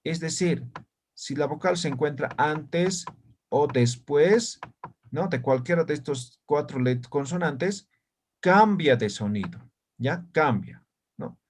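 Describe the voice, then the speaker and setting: Guy teaching a language class online, takes it slow, keeps asking if you got it. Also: fairly high pitch, expressive, a little hiss or hum. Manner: explains slowly, often checks understanding with short tag questions.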